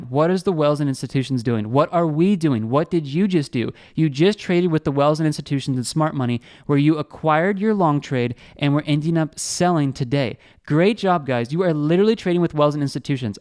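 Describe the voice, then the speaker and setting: A young man hosting a crypto trading channel, giving fast, excitable screen-share market commentary and talking straight to his viewers. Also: fairly high pitch, no room sound, studio quality.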